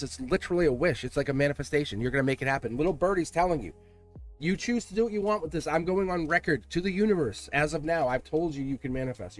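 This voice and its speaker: Higher-voiced man with a Boston accent. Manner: excitable, chummy address with slangy asides. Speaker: tarot reader and livestream host. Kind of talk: casual live tarot reading, chatting to viewers.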